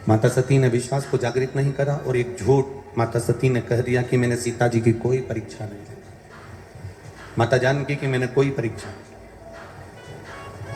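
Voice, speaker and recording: A man's voice: mid-range voice, a little mellow. Man preaching emphatically in an echoey hall. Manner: repetitive, emphatic, exhorting listeners. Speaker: preacher giving a religious discourse. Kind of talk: devotional sermon with sung verses. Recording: echoey hall with music behind.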